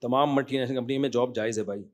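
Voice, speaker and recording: A man speaking as an Islamic scholar gives a religious lecture in a mid-range, steady voice. He's emphatic yet conversational, posing frequent rhetorical questions before taking questions from listeners.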